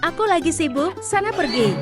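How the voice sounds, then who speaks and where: A woman's voice: very high voice, lively intonation, brisk. A woman voicing a bossy, nagging young wife who scolds her husband curtly. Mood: irritated. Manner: scolding, curt. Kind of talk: dubbed skit acting. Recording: music playing behind.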